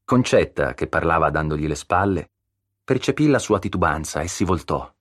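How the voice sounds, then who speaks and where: A man narrating a novel as an audiobook, in a measured, steady storytelling manner, close to a studio mic. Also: extremely low pitch, slightly rough, dry recording. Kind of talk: scripted narration.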